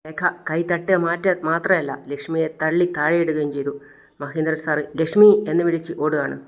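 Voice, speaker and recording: Lively storyteller recapping a serial. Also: medium pitch, brisk, creaky.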